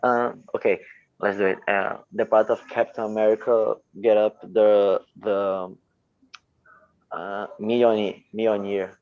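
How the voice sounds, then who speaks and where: A male student with a Brazilian Portuguese accent, speaking halting English and searching for words with many fillers. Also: on the low side, level tone, dry recording. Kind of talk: hesitant English practice. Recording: dull lo-fi audio.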